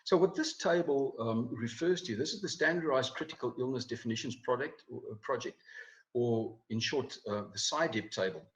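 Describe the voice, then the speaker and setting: A man's voice: medium pitch, normal speed. A man, a financial advisor, giving a live presentation over slides, with many fillers and repeated words. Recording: dull lo-fi recording.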